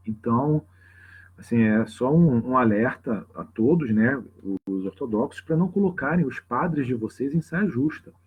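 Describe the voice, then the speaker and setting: A religious teacher hosting a live open class, this man has a husky voice and a Brazilian Portuguese accent. He explains things informally and off the cuff, often checking in with tag questions, in an expressive, medium-pitched voice at normal speed. The livestream audio is lo-fi and a little dull.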